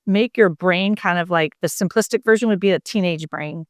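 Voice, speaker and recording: Reflective woman physician explaining calmly. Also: on the low side, a little fast, dry recording, clean studio sound. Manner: reflective, explanatory, many fillers. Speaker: physician and mindfulness coach, podcast guest. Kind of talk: conversational interview.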